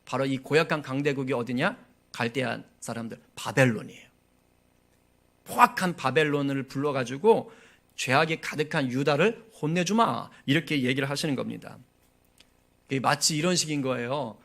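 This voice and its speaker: A male pastor giving a sermon in an animated way, drawing in the congregation with questions and call-and-response. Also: mid-range voice, normal speed, gravelly.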